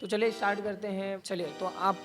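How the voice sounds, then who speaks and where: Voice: mid-range voice, flat delivery, fairly quick, a bit bright, faint music behind, natural voice. A speaker playing a mock-formal quiz show host in a comedy skit.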